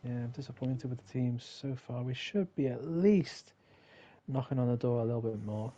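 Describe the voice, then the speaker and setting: A man's voice: medium pitch, normal speed, mellow, muffled recording. A man chatting while gaming, giving mock-dramatic commentary on a match. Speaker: streamer playing with friends. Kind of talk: casual chat while gaming.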